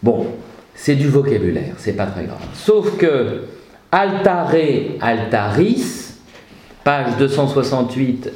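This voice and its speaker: A man's voice: mid-range voice, big pitch swings, slow pace, a little mellow. A man teaching a Latin grammar lesson in a classroom, patient and lightly humorous, reciting declensions in rhythmic repetition. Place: classroom with students present. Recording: roomy classroom echo.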